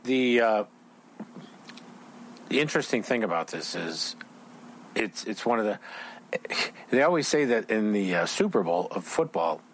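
A man's voice: fairly low pitch, animated, a little slow, long pauses, a little hiss or hum. A man hosting an outdoors show, chatting casually with a guest at a trade show, rambling with lots of fillers.

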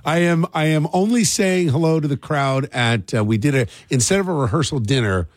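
A middle-aged American man hosts a morning radio show, chatting casually in a fairly high, animated, brisk voice and often asking questions. It's casual talk radio with call-ins, recorded dry on a close studio broadcast microphone.

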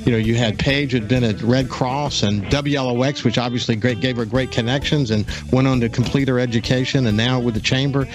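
A man's voice: medium pitch, steady tone, brisk, hardly any pauses, music in the background. A man hosting a radio talk show, chatting casually with a guest, often restarting his sentences. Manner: rambling, many restarts and fillers. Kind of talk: casual interview chat.

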